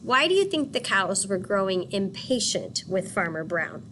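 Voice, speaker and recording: A woman teacher reading a picture book aloud and pausing to ask children questions. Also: medium pitch, sing-song, fairly bright tone, slight background noise. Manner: patient, asks questions for children.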